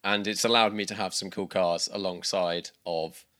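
A man's voice: low voice, steady tone, moderate pace, sharp tone. A man from the UK in his thirties, chatting casually as a guest, rambling with many restarts and fillers. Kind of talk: casual interview chat.

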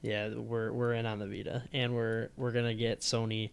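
Gravelly, wry man co-hosting a podcast. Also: fairly low pitch, little pitch movement, normal speed. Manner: wry, joking, easygoing. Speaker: podcast co-host. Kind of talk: casual chat.

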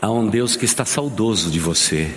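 A male pastor delivering an impassioned sermon in a church, swinging between hushed and loud. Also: lowish voice, animated, moderate pace. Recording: echoey church hall with faint noise.

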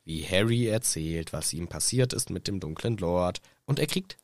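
A man's voice: deep voice, animated, normal speed, dry recording. A man co-hosting a casual podcast, playfully retelling a story and laughing often. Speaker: podcast co-host. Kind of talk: casual chat retelling a book.

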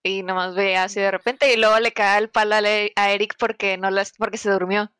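A woman, co-hosting a podcast in relaxed, rambling movie chat. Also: mid-range voice, brisk, clear, resonant tone, no echo. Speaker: podcast co-host.

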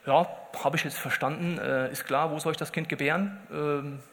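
A man's voice: fairly high pitch, fairly even intonation, normal speed, fairly bright tone. A man voicing a bewildered, chatty young woman in a comic, rambling aside during a sermon. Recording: long hall reverb.

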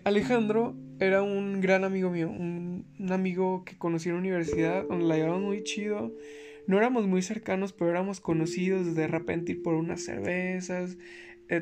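A young man with a Mexican accent casually telling a personal story, slangy and candid, swearing now and then. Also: high-pitched. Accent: Mexican Spanish. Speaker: storyteller host. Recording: music playing underneath.

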